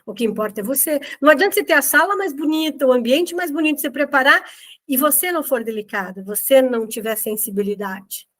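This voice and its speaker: A woman instructor leading a review session for therapists, talking in a very direct, expressive and emphatic way. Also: high voice, fast. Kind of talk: teaching a group review session.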